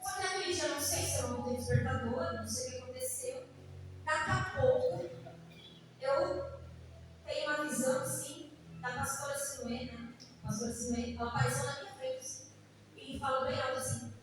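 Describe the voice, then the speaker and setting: A woman's voice: high voice, fairly quick. A middle-aged Brazilian woman preaching a sermon, calling out to her congregation and singing out some phrases. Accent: Brazilian Portuguese. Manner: animated, calls out to the congregation, sings out phrases. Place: church hall. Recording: echoey hall, distant mic, faint noise.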